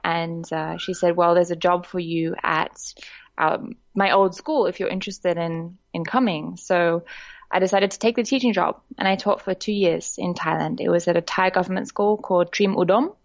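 A woman talks in a podcast interview, recounting her path in an easy, chatty way with plenty of fillers. Her voice sits on the low side for a woman. The recording is somewhat dull and muffled. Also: fairly even intonation, moderate pace, creaky. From Australia. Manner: warm, chatty storytelling with frequent laughs and fillers. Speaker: guest, director of a women's network.

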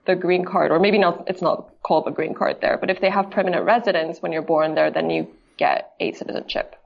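Gravelly-voiced woman from Japan, laughing guest. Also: lowish voice, steady tone, a little fast. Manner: laughs easily, hesitant with fillers. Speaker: guest, company co-founder. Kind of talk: casual interview chat. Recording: slightly dull, lo-fi.

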